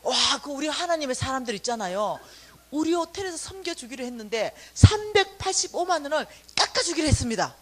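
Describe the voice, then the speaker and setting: A desperate middle-aged hotel manager begs and whines for help, played by a woman retelling the scene. His voice sits high and swings widely as he pleads. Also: very animated, brisk, a little mellow. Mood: pleased.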